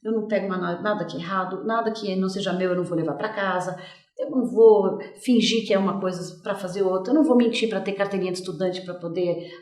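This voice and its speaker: A woman's voice: medium pitch, fast talker, darkish tone, roomy sound. A woman who is a guest author and expert, explaining in an earnest, firm way in a studio interview.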